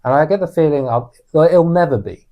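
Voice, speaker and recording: Co-hosting a talk podcast, a man from the United Kingdom with a British accent shares personal experiences in a reflective, conversational way, frequently acting out remarks as quotes. He sounds a little high and a little fast, and the recording is muffled.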